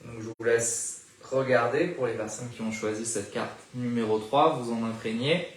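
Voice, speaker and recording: A man giving a live oracle card reading, speaking gently and encouragingly to the listener and often pausing to search for words. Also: mid-range voice, reverberant. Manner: thinks aloud with frequent hesitations. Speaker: spiritual card reader.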